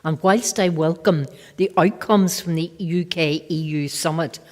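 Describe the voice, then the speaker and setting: A woman's voice: on the low side, measured pace. A woman with a Northern Irish accent, making an earnest formal speech in a parliamentary assembly and urging action. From Northern Ireland. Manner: earnest, urging, repeats her key points. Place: large assembly chamber. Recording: long hall reverb.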